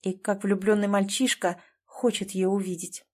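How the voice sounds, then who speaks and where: Female audiobook narrator, measured expressive reading, mid-pitched.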